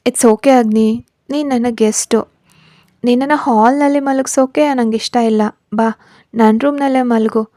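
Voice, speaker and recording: Coaxing scheming young woman, read by a woman, fairly high, mellow tone, dry close sound, storybook. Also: fairly even intonation, unhurried, dry recording, close to an everyday voice. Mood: sweet. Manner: coaxing, self-satisfied.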